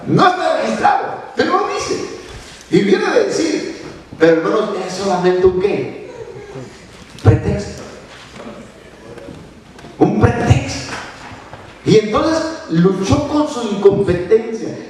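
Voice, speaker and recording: High-voiced male preacher in an echoing church. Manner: emphatic, swings between loud and hushed, asks the congregation questions. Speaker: minister preaching. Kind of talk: sermon. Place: church sanctuary. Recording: distant, very echoey church recording with faint noise.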